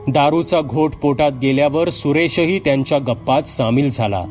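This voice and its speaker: A man narrating a horror story in a measured, suspenseful way. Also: a little high, darkish tone, soft background music.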